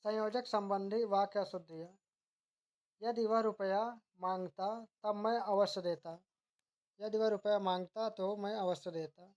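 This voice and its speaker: A woman teacher working through a grammar drill at an even, measured pace. She reads each wrong sentence, then its corrected form, and now and then stops to fix a word mid-way. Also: mid-range voice.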